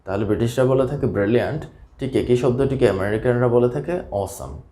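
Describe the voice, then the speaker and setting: A man from Bangladesh teaching a scripted English vocabulary lesson, steadily repeating each key word slowly. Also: medium pitch, mellow. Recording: echoey room.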